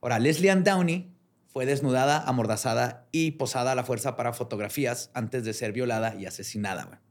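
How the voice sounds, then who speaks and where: A man's voice: medium pitch, brisk. A man with a Mexican accent, a podcast host narrating a story in casual chat, tagging his sentences with slang. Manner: relaxed slangy narration, ends phrases with filler slang.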